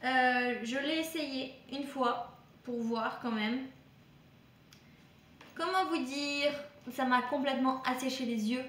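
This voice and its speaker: A woman's voice: high voice, slow pace, fairly bright tone, echoey room, slight background noise. A woman vlogger casually reviewing products from a shopping haul, chatty and hesitant, with frequent fillers and restarts. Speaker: beauty vlogger.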